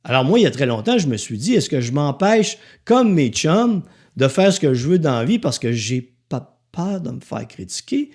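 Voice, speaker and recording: A Québécois man gives a motivational podcast monologue in a blunt, sarcastic, profane way. His voice sits a little high and leaps around in pitch. He talks straight to the listener as if to a friend. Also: sing-song, moderate pace, hardly any pauses, a little mellow. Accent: Québécois French. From Quebec. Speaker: podcast host.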